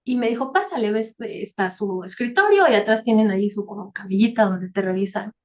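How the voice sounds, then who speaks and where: A woman's voice: medium pitch, fairly quick. A woman giving an earnest, emotional personal testimony over a video call, often adding a questioning "¿no?". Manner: earnest, emotional storytelling with frequent "¿no?"; shy and soft-spoken, by her own account. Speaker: guest speaker.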